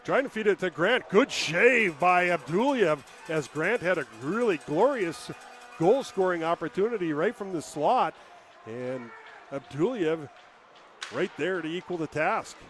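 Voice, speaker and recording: A man calling hockey play-by-play in a rapid running call, rising to shouts on scoring chances. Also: sits high, expressive. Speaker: play-by-play announcer.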